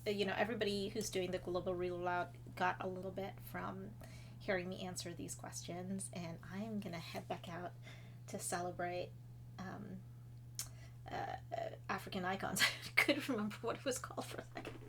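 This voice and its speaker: Her voice is fairly low in pitch, with fairly even intonation and a moderate pace, over a slight hiss or hum. She's a children's author from Trinidad and Tobago, answering kids' questions in a casual home-office chat. She talks in a chatty way, sprinkling in fillers and warm asides to the kids.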